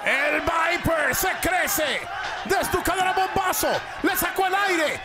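A Mexican-accented man shouts as a wrestling commentator at an extremely high pitch. His delivery is dramatic and exclamatory, with short phrases hammered out again and again. A loud crowd surrounds the voice. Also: takes it slowly. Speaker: wrestling commentator, color announcer. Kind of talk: hyped lucha libre commentary. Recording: loud music and crowd behind the voice. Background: wrestling event crowd and music.

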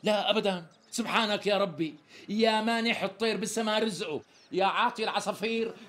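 An actor playing a smooth-talking, evasive tailor in a TV sketch comedy, speaking with a Damascene Arabic accent and chuckling salesman patter. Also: sits high, quick pace, fairly bright tone. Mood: sweet-talking. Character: smooth-talking flattering middle-aged male tailor.

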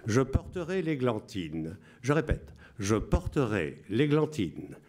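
An older man in his seventies playing a solemn wartime radio announcer who reads out coded messages with measured, emphatic repetition. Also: medium pitch, big pitch swings, a little mellow. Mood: declaiming.

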